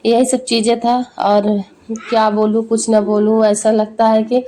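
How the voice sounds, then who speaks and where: A young woman, narrating a family vlog in slow, halting voice-over and sounding a little short of breath. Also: on the high side, little pitch movement, dark tone. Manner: slow, halting, searching for words. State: short of breath when talking at length. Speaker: family vlogger.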